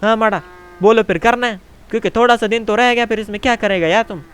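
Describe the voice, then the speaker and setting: A man's voice: high voice, fast talker, a bit bright, clean tone, voice pushed up. A man voicing a quarrelsome male Pathan tent builder in a game role-play, arguing in Pashto-accented Urdu with broken grammar. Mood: grumbling. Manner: argumentative, grumbling, broken grammar, keeps saying "maada".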